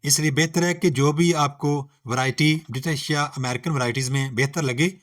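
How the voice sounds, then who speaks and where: A man teaching English pronunciation as a lesson, reading word pairs aloud one at a time in a slow, deliberate way. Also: mid-range voice.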